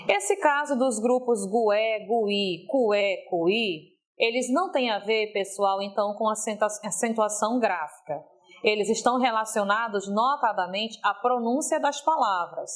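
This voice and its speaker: A woman teacher giving a recorded video lesson, stretching example words slowly and checking in with a frequent "ok?". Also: fairly high pitch.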